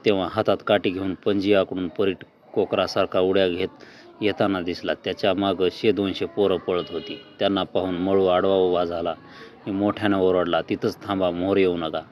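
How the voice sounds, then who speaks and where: Low-voiced male storyteller. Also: dull audio, slight background noise. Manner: steady measured reading. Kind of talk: reading a short story aloud.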